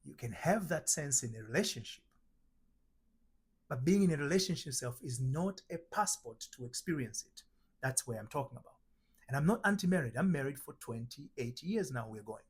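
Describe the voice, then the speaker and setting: A middle-aged Tanzanian man, who coaches people in identity transformation, gives a slow, emphatic spiritual teaching full of rhetorical questions. His voice is a little high and slightly rough.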